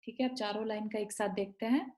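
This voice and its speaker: A woman teaching an online class, slowly sounding out each word of a devotional hymn and chanting it line by line. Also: medium pitch, steady tone, a little mellow. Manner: slow, word-by-word instruction and chanting. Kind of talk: online class on pronouncing a stotra.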